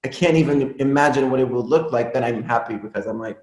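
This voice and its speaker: A man's voice: medium pitch, fast talker. A man of twenty-five, a musician, chatting candidly and jokily as an interview guest. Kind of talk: casual interview chat. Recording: roomy echo.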